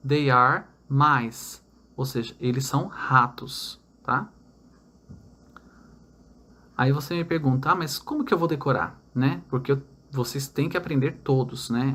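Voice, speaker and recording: A man with a Brazilian accent teaching a recorded online lesson, explaining step by step, slowing down for example sentences and often checking in with "tá?" and "né?". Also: medium pitch, fairly bright tone. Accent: Brazilian Portuguese. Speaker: English teacher.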